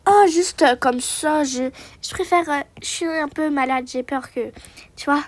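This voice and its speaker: A frightened young mother, voiced by a woman, high-pitched and slow. She stammers and fills gaps with hesitant sounds. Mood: scared. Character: frightened young mother protecting her daughters.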